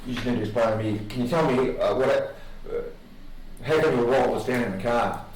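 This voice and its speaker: An Australian man questioning someone as a police interviewer, formal in content but halting and informal in delivery. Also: medium pitch, fairly even intonation, darkish tone. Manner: halting, informal, loses his place. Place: indoor interview room. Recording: echoey, distant mic, faint noise.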